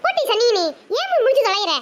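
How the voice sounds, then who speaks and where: High-pitched Madurai Tamil woman, scolding. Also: sing-song, fast talker, very noisy. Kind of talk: cartoon voice acting, many village characters.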